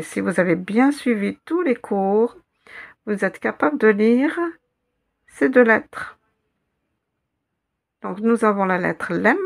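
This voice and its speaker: A woman guides learners through a reading lesson in an unhurried, measured way. She spells out each letter and repeats words patiently. Her voice carries a gravelly, creaky texture at a middling pitch. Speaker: Arabic teacher.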